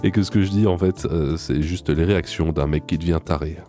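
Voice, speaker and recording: A man hosting a reaction video, making sarcastic, deadpan comments. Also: deep voice, a little fast, soft background music. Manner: mocking, deadpan asides.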